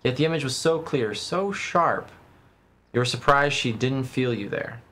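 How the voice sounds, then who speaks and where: A man's voice: mid-range voice, lively intonation, a little slow, a bit bright. A man streaming a video game, switching between casual commentary and reading the game's text aloud. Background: game music.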